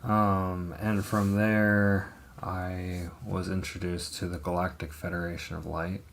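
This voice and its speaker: Speaking slowly in a low, level, creaky voice, a man in his thirties shares his life story on a livestream. He's casual but hesitant and rambling, dropping frequent ums and the odd swear word in this live testimony.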